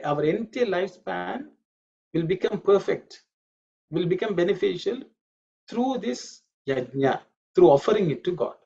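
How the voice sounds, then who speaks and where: Male Sanskrit teacher, gravelly and slightly raised voice, patient drilling, dull lo-fi line. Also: fairly high pitch, a little mellow. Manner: patient, repeats pronunciations slowly. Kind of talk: online class lecture. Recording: dull lo-fi audio.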